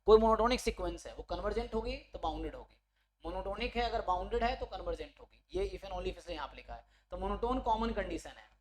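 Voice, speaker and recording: A man teaching an online statistics class for exam preparation. He explains step by step, often checks whether students follow, and reads definitions out slowly word by word. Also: high-pitched, lively intonation, crowd noise. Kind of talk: online exam-prep lecture.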